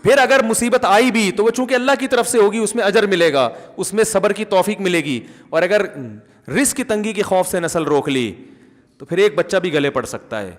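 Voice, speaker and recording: High-voiced preacher in a reverberant hall. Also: male voice, animated. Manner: humorous, acts out quoted people; emphatic oaths, rising fervor. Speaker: Islamic cleric. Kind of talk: sermon.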